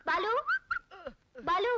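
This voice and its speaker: A woman's voice: very slow, no echo. An actress playing a sly young woman who fakes tears and then mocks her victim, in a comedy film scene. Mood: coaxing, scheming. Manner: fake tearful pleading, then sharp mocking. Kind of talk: 1990s Tamil film comedy acting. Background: loud film score music.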